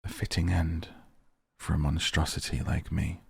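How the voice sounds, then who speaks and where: Very deep, gravelly man narrating dramatically. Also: flat delivery, moderate pace, a little mellow, dry recording, clean studio sound. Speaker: video game player reading aloud. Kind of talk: dramatic narration of a visual novel.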